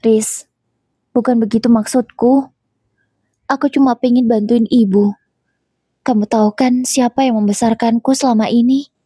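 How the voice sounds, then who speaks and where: A woman's voice: on the high side, steady tone, moderate pace, pauses often, dark tone, husky, no room sound. Woman narrator doing a mild pleading husband, dry close sound, near her own voice. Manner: apologetic, coaxing. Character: adult husband, meek and pleading.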